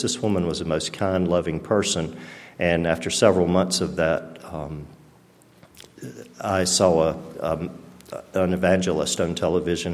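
A middle-aged man gives a halting personal testimony in church, full of restarts and fillers. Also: low-pitched, darkish tone, big-room sound.

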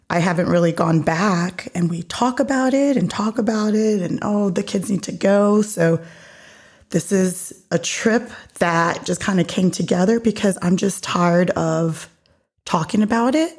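This podcast host, a woman originally from Puerto Rico, chats alone from her Georgia home in a meandering way, often restarting and filling pauses with ums. Her pitch is medium and her tone a little mellow.

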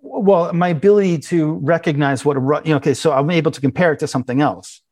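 A man as an interview guest, talking in a halting, conversational way with many restarts and fillers. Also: fairly high pitch, darkish tone, dry recording. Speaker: interview guest, business owner.

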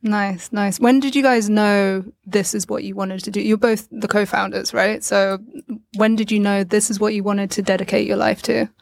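A woman's voice: medium pitch, level tone, moderate pace, gravelly. A woman hosting a podcast, asking guests questions in a casual, encouraging way. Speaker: podcast host. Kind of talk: interviewing guests.

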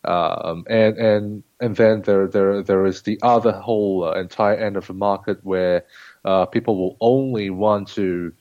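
A Singaporean man, a leadership trainer and consultant, speaks as a guest in an interview conversation, with many restarts and fillers. His voice is lowish, steady and unhurried, with a Singaporean accent. The recording is dry and the audio sounds dull.

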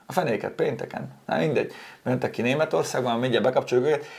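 A man's voice: medium pitch, creaky, darkish tone. Joking male podcast host. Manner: joking, talkative. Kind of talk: casual chat.

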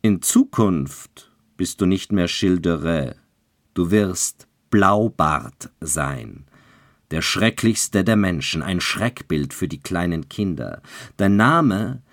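A man voicing a mocking, triumphant male devil who pronounces a dark curse in an audio fairy tale. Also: deep voice, lively intonation, slow, dry recording, clean studio sound, full character voice. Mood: menacing. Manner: laughing darkly, pronouncing a curse.

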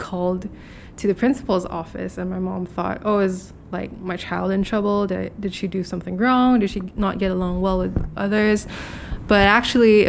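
A young woman from Hong Kong, a podcast guest, telling candid stories quickly with lots of fillers. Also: mid-range voice, gravelly, a little hiss or hum. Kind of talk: casual interview chat.

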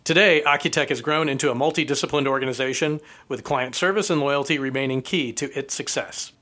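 A man's voice: mid-range voice, pushed and bright. A man hosting a business podcast, reading a polished introduction and then asking interview questions. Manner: brisk, polished read-out delivery. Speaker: podcast host.

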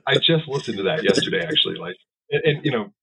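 A man hosting a podcast interview, relaxed and encouraging toward his guest. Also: mid-range voice, fast talker. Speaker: podcast host. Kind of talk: casual interview. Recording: husky voice over a tinny phone-like line.

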